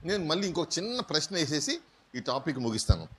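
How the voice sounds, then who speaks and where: Man preaching a lively sermon. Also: fairly high pitch, fast talker, a little hiss or hum. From Andhra Pradesh, India. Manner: asks the congregation questions and acts out quoted speakers; mixes in English words. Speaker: pastor.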